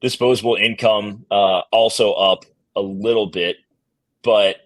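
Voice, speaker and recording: A man co-hosts a markets show in loose casual chat, hesitating and joking with the odd curse. His voice is low, and the recording is dry and close. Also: steady tone, a little slow, no echo.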